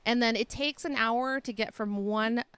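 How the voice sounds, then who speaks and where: A woman's voice: fairly high pitch, normal speed, fairly bright tone, clean tone, no room sound. Chatty young woman with a light Texan accent. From Texas. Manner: rambling, chatty, lots of "like" fillers. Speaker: livestreamer. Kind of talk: casual chat with stream viewers.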